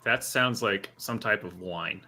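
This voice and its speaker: A man's voice: lowish voice, a little slow, bright, forceful tone. A man co-hosting a sports show with casual, joking banter.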